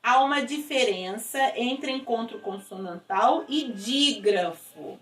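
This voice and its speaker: A woman's voice: fairly high pitch, animated, slow, recorded from a distance. A woman teacher, patiently explaining a worksheet and spelling out letters and syllables one by one. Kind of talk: recorded school lesson. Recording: echoey room, voice away from mic.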